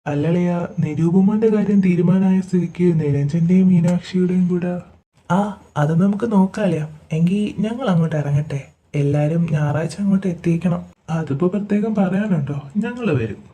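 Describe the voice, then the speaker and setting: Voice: mid-range voice, moderate pace, dark tone, lightly acted. Someone playing an easygoing family uncle. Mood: friendly. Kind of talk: amateur audio drama.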